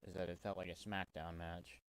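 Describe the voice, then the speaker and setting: A man's voice: deep voice, flat delivery, a little fast, clean tone. A man giving a casual, swear-heavy wrestling review, exasperated and full of restarts. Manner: profane, exasperated, stumbling restarts.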